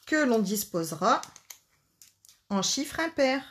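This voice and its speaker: A woman's voice: a little high, sing-song, slow, fairly bright tone, slight background noise. Woman, casual live craft host, talkative and playful with her audience. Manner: chatty, joking asides to viewers. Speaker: card-making live host.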